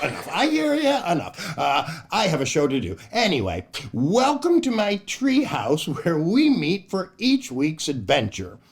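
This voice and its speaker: An older man with a high-ish, fairly bright, husky voice hosts a children's storytime show. He tells jokes and reads aloud in a playful, exaggerated, theatrical way.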